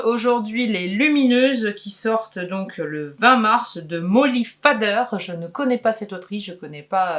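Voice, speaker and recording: A woman co-hosting a book channel, casually presenting new releases with frequent pauses and fillers. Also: mid-range voice, a bit bright.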